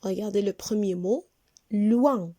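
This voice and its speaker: Patient schoolteacher, woman, for a children's reading lesson: unhurried, warm mellow tone, clear diction. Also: a little high. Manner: slow, clear, patient, spells words letter by letter. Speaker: primary school teacher.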